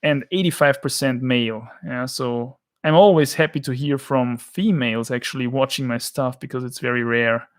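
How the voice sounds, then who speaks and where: A man's voice: mid-range voice, steady tone, moderate pace, hardly any pauses. A man with an Austrian accent chatting casually on a livestream, rambling and joking as he answers viewers' chat. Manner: rambling, joking, reads chat comments aloud.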